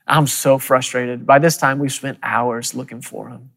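A man preaching, telling a personal story in an animated way, with quick bursts and soft, quiet asides. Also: medium pitch, creaky, in a large hall. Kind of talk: storytelling sermon.

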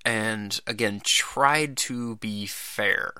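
Male podcast host, low voice, crisp and clear, dry close mic, rambling casual delivery. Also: drawn-out words, pushed and bright, no room sound. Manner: loose, rambling, many fillers and restarts. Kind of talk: casual solo commentary.

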